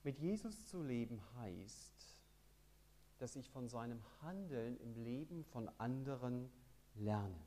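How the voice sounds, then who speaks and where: A man preaching a sermon with lively emphasis, reading scripture passages aloud. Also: medium pitch, takes it slowly.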